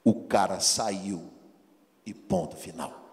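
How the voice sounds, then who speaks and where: A man's voice: sits low, slow pace, darkish tone. A man preaching a sermon, acting out dialogue and firing rhetorical questions at the congregation. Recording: long hall reverb.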